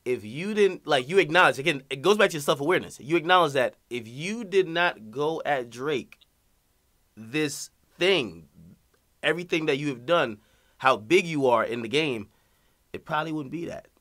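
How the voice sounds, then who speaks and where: A man's voice: a little high, expressive, normal speed, fairly bright tone. A man hosting an interview, asking probing questions and stammering on restarts. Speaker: host interviewer.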